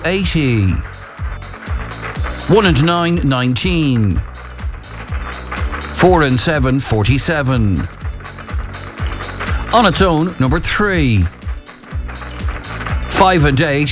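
An Irish man working as a radio bingo caller, calling out numbers in set patterns. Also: on the high side.

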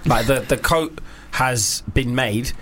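A man's voice: mid-range voice, slow, a bit bright, faint music behind. A man hosting a radio show in a casual, joking style. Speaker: radio host.

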